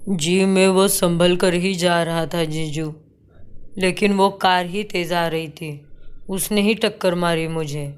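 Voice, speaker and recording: A woman's voice: on the low side, steady tone, slow, smooth. A woman voicing an apologetic young brother-in-law in a cartoon story, pleading.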